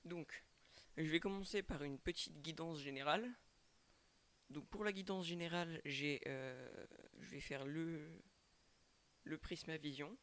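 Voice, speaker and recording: Hesitant French man, gravelly voice. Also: fairly high pitch, measured pace, a bit bright. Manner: hesitant, repeats words and restarts often. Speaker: tarot reader and channel host. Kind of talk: casual tarot reading to webcam. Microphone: microphone with webcam.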